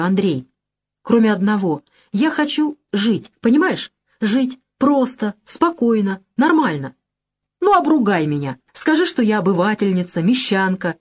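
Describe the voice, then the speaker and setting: A woman reading an audiobook, voicing an anxious young woman who pleads for a quiet life in an emotional way. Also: mid-range voice, very animated, a little slow. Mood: upset.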